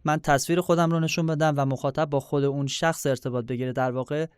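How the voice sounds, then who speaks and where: A man's voice: fairly high pitch, steady tone, smooth, no echo, studio quality. A young man, explaining things conversationally as an interview guest. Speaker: guest, YouTuber.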